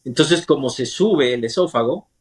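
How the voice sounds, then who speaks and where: A male surgeon talks through a medical topic as a guest, keeping it simple and stopping often to check that listeners follow. His voice sits at an ordinary middle pitch with a slightly husky, breathy edge. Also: expressive. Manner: patient and teacherly, often checks understanding with a quick question. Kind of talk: explaining medicine in plain terms in an interview.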